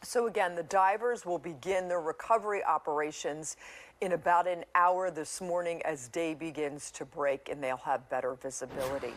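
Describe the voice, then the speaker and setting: Woman news anchor, low register, live broadcast delivery with conversational touches.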